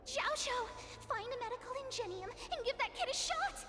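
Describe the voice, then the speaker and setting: A woman playing a frantic, bossy little medic in a game, squeaky and crying out urgently. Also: expressive, moderate pace, bright, forceful tone, long reverb tail, soft background music, full character voice. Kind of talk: dramatic game voice acting.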